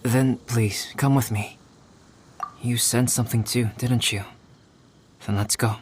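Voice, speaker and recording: A man voicing a calm, scholarly young male alchemist in a video game, soft-spoken and measured as he explains things. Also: mid-range voice, a little hiss or hum, natural voice. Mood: explaining. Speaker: game character. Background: game music.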